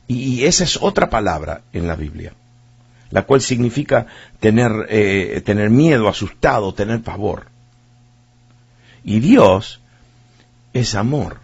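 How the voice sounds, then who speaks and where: A man's voice: fairly low pitch, creaky, a little mellow, breathy edge. A man preaching a sermon, emphatic and repetitive, speaking straight to his listeners and reading scripture aloud. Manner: emphatic, repeats words, addresses listeners directly. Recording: dull lo-fi sound.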